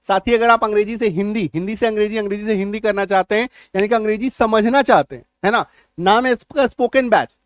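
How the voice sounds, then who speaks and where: A man walks his students through spelling rules in a high-pitched voice. He repeats each point and keeps checking that the class follows. The recording is dry and close, with no room sound. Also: fast talker, no echo. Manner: repetitive, checks understanding with questions. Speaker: English teacher. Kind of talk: spoken-English lesson.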